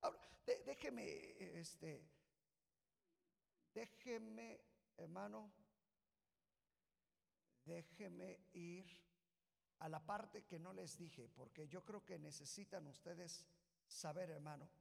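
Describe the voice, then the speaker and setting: A man preaching a sermon, who keeps calling the congregation "brother" and swings from loud shouts to low asides. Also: slow pace, vocal fry, long pauses. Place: church hall. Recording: long reverb of a church hall.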